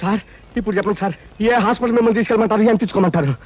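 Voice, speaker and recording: A man's voice: high-pitched, racing. A flustered, gullible rich man. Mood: fretful. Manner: fretful, pleading, self-pitying. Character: fussy gullible well-off man, flustered and pleading. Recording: dull film soundtrack with faint music.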